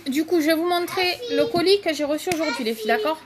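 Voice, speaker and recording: Chatty high-voiced woman hosting a live stream. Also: fast, crowd noise. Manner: chatty, greets viewers by name, many fillers. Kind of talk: casual live-stream product demo.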